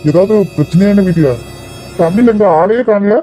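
A man's voice: high voice, moderate pace, mellow, soft background music, lightly acted, poor audio. A man voicing a protective young male friend in a cartoon drama, scolding and lecturing in Kanyakumari Tamil.

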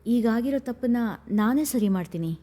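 A woman's voice: fairly high pitch, expressive, moderate pace, mellow, voice pushed up. Woman voicing a pleading young sister. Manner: pleading, trembling.

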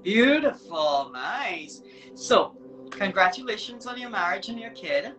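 A woman hosts a casual live online show, gushing encouragement and often repeating herself. Her mid-range voice is animated and fairly bright, and she speaks a little slowly. The recording is rough, with music playing in the background.

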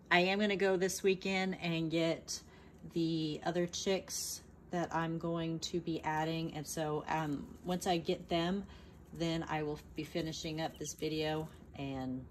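A woman's voice: low-pitched, slight background noise. A woman vlogging casually about her chicks, chatty and plainspoken, with many ums and restarts, talking behind a phone camera at home. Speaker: small farm vlogger. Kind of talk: casual off-camera narration while filming.

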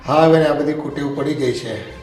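A middle-aged man playing a patient father-in-law who calmly gives advice. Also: a little high, normal speed, faint music behind, lightly acted. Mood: advising. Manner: calm, advising. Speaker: father-in-law in family drama. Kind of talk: Gujarati family drama acting. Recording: echoey room.

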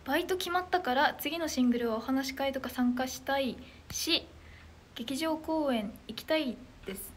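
A young woman chatting casually on a livestream and reading out viewer comments, with a loud, clear, carrying voice, an anime-like tone and bubbly, excitable reactions. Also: high voice, normal speed, a little hiss or hum.

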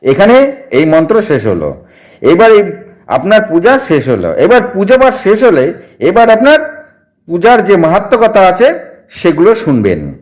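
A man giving step-by-step instructions for a home ritual, reciting mantras slowly and deliberately. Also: high voice, huge pitch swings. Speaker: religious instructor.

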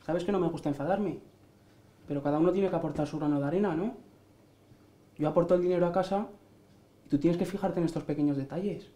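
A man's voice: a little high, fast talker, pauses often, warm tone, reverberant, natural voice. A man playing a cruel controlling husband. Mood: coaxing. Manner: berating, mocking, swearing.

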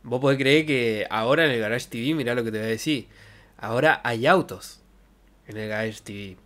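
Speaking at a moderate pace with a medium, slightly bright voice, this young streamer from Santa Fe, Argentina, tells jokey stories about the past during a relaxed livestream. His talk is loose and colloquial. He's recorded in his bedroom on a close desk microphone fitted with a pop filter.

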